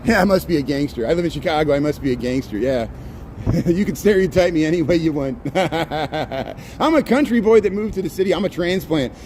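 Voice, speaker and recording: A man's voice: fairly high pitch, lively intonation, brisk, darkish tone. Chatty man streaming on a noisy street. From Indiana, US Midwest. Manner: rambling and chatty, laughs often. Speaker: livestream host. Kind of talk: casual walking livestream chat. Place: outdoors on a busy city street. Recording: street traffic noise behind.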